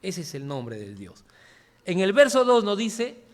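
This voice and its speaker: A man's voice: high voice, wildly swooping pitch, unhurried. A man preaching a sermon to his congregation in an earnest tone, often tagging his phrases with a questioning "¿no?" and repeating himself for emphasis. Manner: earnest, often adds a questioning "¿no?" and addresses listeners as "hermanos"; speaks in short spoken phrases with repetitions.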